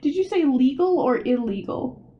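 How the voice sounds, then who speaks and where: A woman co-hosting a casual podcast chat, quick with quips and playing out what she would say. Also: high voice, expressive. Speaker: podcast co-host. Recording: dull lo-fi podcast mic.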